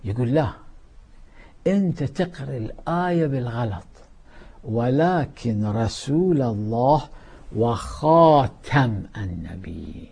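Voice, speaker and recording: A man delivers a sermon in a gravelly, dark voice. He declaims loudly, then drops to quick, hushed asides. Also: mid-range voice, expressive. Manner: swings between loud declaiming and hushed asides. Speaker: preacher.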